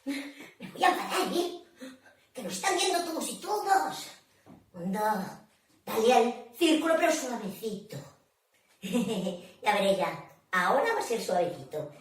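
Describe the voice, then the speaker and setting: In a public library room, a woman tells stories to children in a playful, theatrical way, frequently asking her listeners questions. Her fairly high voice is very animated, a little slow, with long pauses. The recording is very echoey, and she sounds distant.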